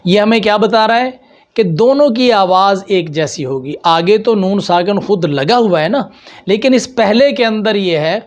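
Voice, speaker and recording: A man with a Pakistani Urdu accent giving a patient lesson on reading rules, repeating examples slowly and answering his own questions. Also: sits high. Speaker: teacher.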